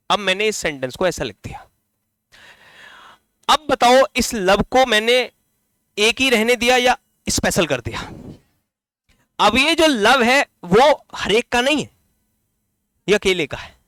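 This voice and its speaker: A man with a Hindi accent delivers a grammar lecture in a fairly high voice, firing questions at his class and supplying the answers himself. He slows down and stretches words while writing examples out. The sound is dry and close, with no room echo. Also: bright, forceful tone. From India. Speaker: English grammar teacher.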